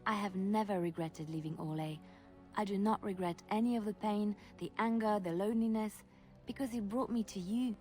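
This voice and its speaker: An actress playing a gentle, romantic young woman companion in a video game, speaking in a reflective, poetic way. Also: medium pitch, moderate pace, faint music behind, natural voice. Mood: tender, sincere. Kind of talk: video game dialogue acting.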